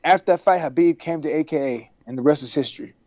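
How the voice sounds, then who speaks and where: A man from Texas, a podcast guest on a video call, telling stories in a casual, animated way and acting out the dialogue. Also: on the high side, quick pace, no room sound. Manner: animated, acts out quoted dialogue. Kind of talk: casual storytelling. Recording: dry, dull video-call audio.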